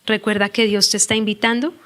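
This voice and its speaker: A woman's voice: medium pitch, level tone, a bit bright. A woman pastor preaching a sermon in a church, telling her own story with earnest emotion and reading scripture aloud. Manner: reads scripture aloud slowly. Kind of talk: sermon with personal testimony.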